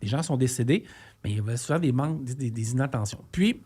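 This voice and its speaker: A man's voice: mid-range voice, lively intonation, fast, mellow, slightly rough. A man in his forties with a Québécois accent, a trucker co-hosting a podcast, talking earnestly and rambling through restarts in casual discussion. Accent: Québécois French. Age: 40s.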